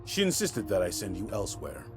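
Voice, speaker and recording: A man's voice: low-pitched, huge pitch swings, fairly quick, over music. An actor playing a stern middle-aged director of a girls' home, formal and scolding, in a dramatic video game scene. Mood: cold, firm.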